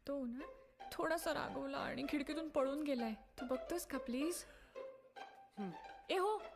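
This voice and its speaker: An actress playing a flustered, startled young wife in a film comedy. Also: female voice, high voice, a little slow. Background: film score music.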